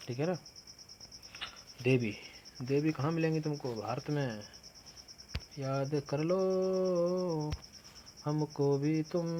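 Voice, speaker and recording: A man's voice: medium pitch, darkish tone, slight background noise, low-quality recording. A male teacher running an exam-prep quiz lesson, playfully asking questions and answering them himself with jokey memory tricks, calling his students "bhaiya".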